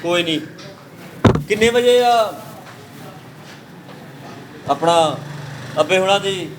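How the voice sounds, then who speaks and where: A high-pitched man plays a brash, teasing caterer in a comic sketch. He mocks and jokes while taking down an order. Steady noise sits behind his voice. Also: slow pace.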